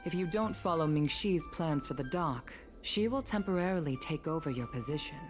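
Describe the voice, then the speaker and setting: An actress playing a calm, authoritative woman commission official who speaks diplomatically. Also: sits low, moderate pace. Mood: composed. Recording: game audio over loud music.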